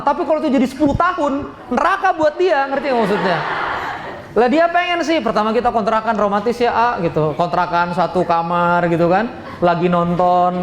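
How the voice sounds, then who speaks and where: A man giving a motivational business lecture, animated and acting out dialogues, often asking the audience questions. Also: high voice, roomy sound, slight background noise. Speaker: business speaker.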